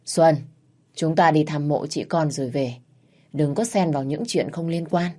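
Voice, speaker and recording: A woman's voice: deep voice, normal speed, dark tone. A woman doing a firm, cautious older mother. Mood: stern. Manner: firm, urging.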